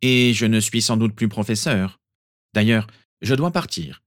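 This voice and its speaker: A man's voice: lowish voice, measured pace, dry recording, clean studio sound, natural voice. A man voicing a cold, stern male professor who speaks in a stiff, curt manner.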